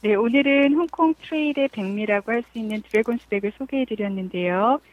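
A woman's voice: on the high side, quick pace. A woman correspondent phoning in to a radio show to give a polite, friendly travel report. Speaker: Hong Kong correspondent. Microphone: telephone. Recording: tinny, dry phone line.

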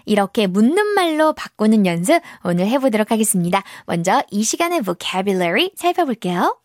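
A woman's voice: mid-range voice, big pitch swings, normal speed. A woman teaching English to children in a cheerful, encouraging, sing-song way. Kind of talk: online English lesson for children.

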